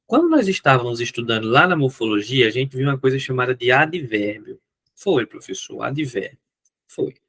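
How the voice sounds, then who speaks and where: A man's voice: medium pitch, a bit bright, no echo. A man with a Brazilian Portuguese accent teaching an online grammar lesson, asking questions and answering them himself, with a strained throat.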